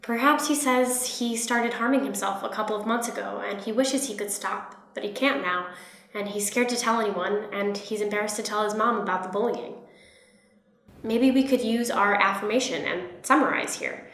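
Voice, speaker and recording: Gentle woman trainer, roomy echo. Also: medium pitch, moderate pace. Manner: gentle, encouraging. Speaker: peer support trainer. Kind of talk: instructional narration.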